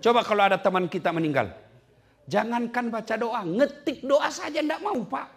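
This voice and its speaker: Animated male preacher, hushed to booming. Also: normal speed. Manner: animated, swinging between low hushed storytelling and high loud punchlines; addresses the audience directly with questions. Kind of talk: lively sermon to a congregation. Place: community gathering hall.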